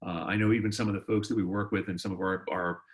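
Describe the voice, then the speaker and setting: A man's voice: deep voice, steady tone, fast talker, poor audio. A man hosting a webinar, introducing a guest speaker in a rambling way with many fillers, over a video call. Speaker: webinar host.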